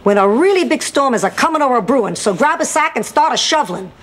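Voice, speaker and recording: A tart elderly mother with a deadpan, wisecracking delivery. Her voice sits a little high for a woman. The audio is a noisy 1990s sitcom recording. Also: fast talker. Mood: sly. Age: older. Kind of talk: studio sitcom acting. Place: sitcom kitchen set.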